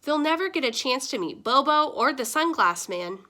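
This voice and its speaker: A woman's voice: sits high, very animated, moderate pace, pushed and bright, pitched above the performer's own voice, exaggerated voice. A woman voicing a wise, upbeat grandmother who answers a boy's questions with folksy reassurance. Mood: cheerful.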